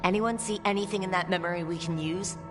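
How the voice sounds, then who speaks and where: A direct, practical adventurer leader , voiced by a woman, with a fairly low voice. She speaks plainly in a game scene while music plays clearly behind. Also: steady tone, fast, lightly acted. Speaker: player character and team leader. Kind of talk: video game dialogue.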